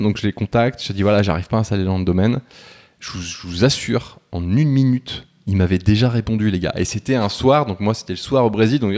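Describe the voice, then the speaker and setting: Casual, rambling man with a low voice. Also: darkish tone. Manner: chatty, informal, full of fillers and restarts. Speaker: YouTuber teaching web freelancing. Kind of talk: casual screen-share tutorial.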